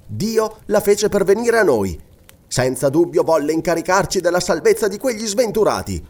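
A man's voice: big pitch swings, normal speed. A man reading aloud, voicing a young noble wife who speaks firmly and generously in a raised, earnest tone. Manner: raised pitch, earnest pleading.

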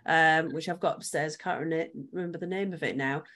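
A woman's voice: low-pitched, brisk, fairly bright tone. A woman co-hosting a casual round-table podcast, talking in a chatty way with frequent fillers and trailing asides. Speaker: podcast co-host.

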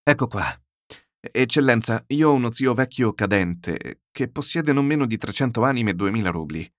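A man reading an audiobook, voicing a middle-aged male schemer who speaks to a general in an obsequious, flattering way. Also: medium pitch, normal speed, dry recording, clean studio sound, voice pushed up, natural voice. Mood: fawning.

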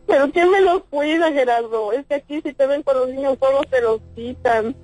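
Over soft background music, a high, darkish female voice at normal speed pours out long, profane, distraught rants on a heated phone call. She speaks with a Mexican Spanish accent as a swearing mother-in-law, and the recording is dry.

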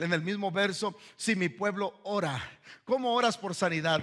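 A man's voice: sits high, fairly bright tone. A man preaching a fervent sermon, telling anecdotes and laughing now and then. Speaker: pastor.

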